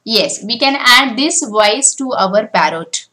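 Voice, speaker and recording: A woman's voice: on the high side, lively intonation, slow, sharp tone, rough recording. A woman teaching a coding lesson for beginners, explaining each step in turn over a screen recording. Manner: step-by-step explaining, often starting with "now".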